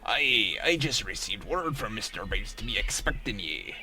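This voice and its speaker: A man's voice: lowish voice, sing-song, moderate pace, noisy background. Man putting on a crusty pirate captain. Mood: gruff hearty. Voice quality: put-on silly pirate accent. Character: crusty salty male pirate ship captain.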